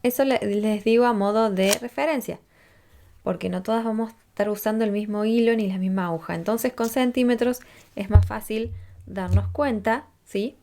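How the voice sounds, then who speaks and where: A woman's voice: mid-range voice, normal speed, warm tone, a little hiss or hum. A woman, patiently teaching a crochet tutorial step by step and checking in with listeners as she counts rows aloud. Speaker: crochet instructor.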